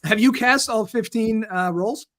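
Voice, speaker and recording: A man's voice: high-pitched, normal speed, a bit bright. A man co-hosting a podcast, asking questions in a joking, playful way. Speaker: podcast co-host. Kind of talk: casual interview chat.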